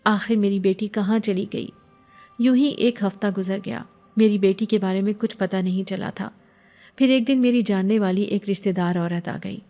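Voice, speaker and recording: Mellow-voiced woman narrating a sorrowful tale. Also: medium pitch, soft background music. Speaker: storyteller. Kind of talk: scripted first-person horror narration.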